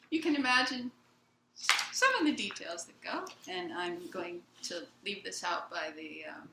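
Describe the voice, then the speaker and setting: A woman Zen teacher giving a gentle, unhurried dharma talk in a meditation hall, retelling a children's picture book for her listeners. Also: medium pitch, a little hiss or hum. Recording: roomy hall sound.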